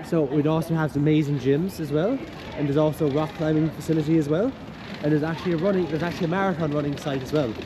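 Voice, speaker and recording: Walking around campus, a student tour guide explains things with chatty enthusiasm and loose phrasing. This young man talks fast in a fairly high, steady voice. Traffic and city ambience come through clearly on the noisy outdoor recording.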